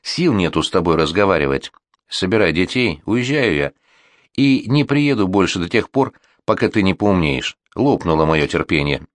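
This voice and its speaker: A man's voice: deep voice, very animated, normal speed, no room sound, clean studio sound. A man voicing an exasperated middle-aged father in an audiobook reading, talking with tired, firm insistence. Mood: fed up.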